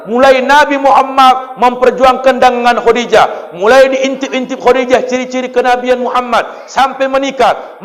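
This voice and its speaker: Medan guy preaching, high voice, jokey, echoey mosque hall, keeps asking the crowd stuff. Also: a bit bright. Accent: Medan Indonesian. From Indonesia. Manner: joking, acts out dialogues, asks the audience directly. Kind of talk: humorous sermon.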